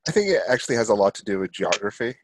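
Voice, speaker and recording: Low-voiced American man musing in chat. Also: sing-song, racing, slight background noise, low-quality recording. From United States. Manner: thoughtful, musing with fillers. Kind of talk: casual chat.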